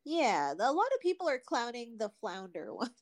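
Woman with a lively, high voice. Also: moderate pace. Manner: dry quips between short agreeing replies. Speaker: podcast co-host. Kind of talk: casual podcast chat.

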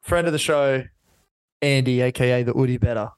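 A young man with an Australian accent, co-hosting a casual chat in a relaxed, agreeable way. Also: medium pitch, a little fast, clear, resonant tone. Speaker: podcast co-host.

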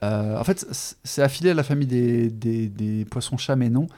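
A man hosting a podcast, chatting casually about a book, pausing often with fillers and restarting his sentences. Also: medium pitch, mellow. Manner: hesitant, many fillers and restarts, chatty asides. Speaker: podcast host. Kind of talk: casual literary chat.

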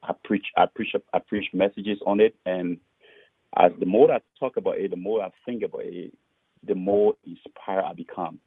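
Low husky pastor from Liberia on a call. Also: male voice, fairly even intonation, normal speed, no echo. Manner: earnest, repeats words when starting sentences. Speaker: pastor and author. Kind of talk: podcast interview testimony. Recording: muffled phone-like line.

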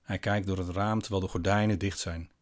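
A man narrating a scripted eerie bedtime story in a quiet, slow, hushed way with long pauses. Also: low voice, fairly even intonation.

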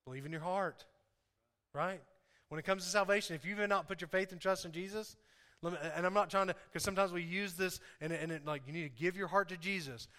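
Man, preacher, high pitch, forceful bright tone, emphatic repetition, informal impassioned sermon delivery. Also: fairly even intonation, quick pace. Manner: impassioned, emphatic, repeating phrases for effect; informal, conversational asides. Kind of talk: sermon to a congregation.

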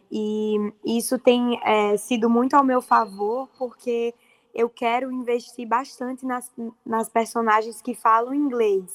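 A young actress from Paraíba, Brazil, with a Paraíba accent, talking earnestly in a casual interview with frequent fillers. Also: female voice, medium pitch, fairly bright tone, no echo. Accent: Paraíba Brazilian Portuguese. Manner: earnest, fluent, many fillers. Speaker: actress guest.

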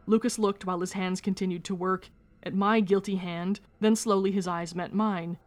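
A woman reading a first-person memoir aloud in a steady, measured storytelling manner. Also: mid-range voice. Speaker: narrator.

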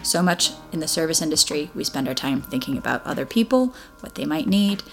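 A woman with a fairly low voice teaches a guided Pilates class. She gives encouraging instructions one step at a time. Music plays faintly behind her. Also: very animated, brisk, gravelly.

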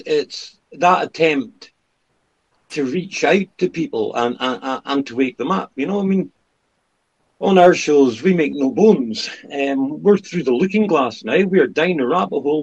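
A man in his fifties from the Scottish Highlands, with a Highland accent, talking casually and candidly about things in a conversational, storytelling way. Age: 50s. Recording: dull lo-fi sound.

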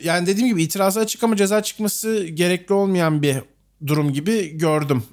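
A man's voice: sits high, a little fast, darkish tone. A man co-hosting a casual talk show, agreeable and laughing lightly as he talks. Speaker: podcast co-host. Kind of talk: casual conversational commentary.

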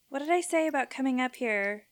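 A woman with a somewhat high voice plays her character at the gaming table. She talks in a loose, drawling, casual way. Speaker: player. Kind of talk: tabletop role-play, casual.

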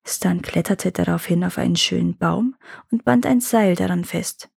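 Gravelly woman reading a fairy tale. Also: fairly low pitch, moderate pace, a little mellow, dry recording, clean studio sound. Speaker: storyteller reading fairy tales. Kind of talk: scripted fairy-tale narration.

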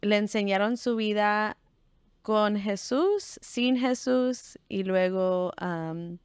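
Woman from Texas, young adult, guest in a casual interview, English fillers in her Spanish, smooth clear tone. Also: medium pitch, takes it slowly, dry recording. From Texas, United States.

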